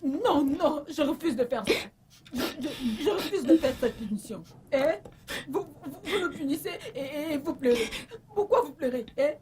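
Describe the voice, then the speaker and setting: A woman's voice: high voice, expressive, normal speed, darkish tone. A woman playing a cheeky house servant who talks in a teasing, half-laughing, half-crying way in a dubbed film.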